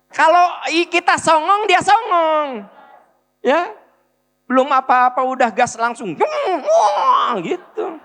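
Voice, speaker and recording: A middle-aged man preaching with a Sundanese accent, acting out family conversations in an animated way. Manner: animated, acts out family dialogues with shifting pitch. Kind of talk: sermon. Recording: long hall reverb.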